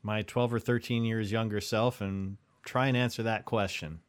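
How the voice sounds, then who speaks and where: A man co-hosting a podcast about community theater, a director who talks in a measured, thoughtful way with dry, wry humor. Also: fairly low pitch, steady tone, smooth. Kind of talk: casual chat.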